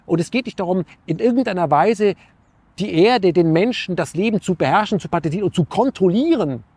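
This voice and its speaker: A man's voice: high-pitched, expressive, a little fast, a little mellow, breathy edge, dry recording. A man, an interview guest musing about life in an earnest, searching way, full of rhetorical questions and restarts. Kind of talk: reflective philosophical talk.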